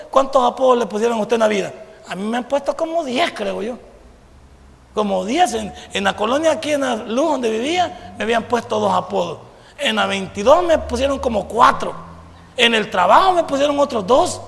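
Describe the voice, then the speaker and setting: A man with a Salvadoran accent preaching a sermon in church, animated, firing rhetorical questions at the congregation and bursting into shouts. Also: very high voice, vocal fry. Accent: Salvadoran Spanish. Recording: long reverb of a church hall.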